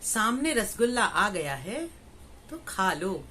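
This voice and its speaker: A woman's voice: medium pitch, big pitch swings, takes it slowly, pushed and bright, slight background noise. A middle-aged woman, a spiritual teacher, explains scripture with homely examples and rhetorical questions. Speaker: Gita teacher and spiritual life coach. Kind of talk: slow spiritual discourse on scripture.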